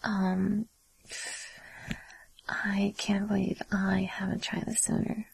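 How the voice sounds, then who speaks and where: Young woman whispering real slow, super breathy, bit of vocal fry. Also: mid-range voice, little pitch movement, darkish tone, dry recording, low-quality recording. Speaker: audio creator. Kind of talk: intimate whispered audio.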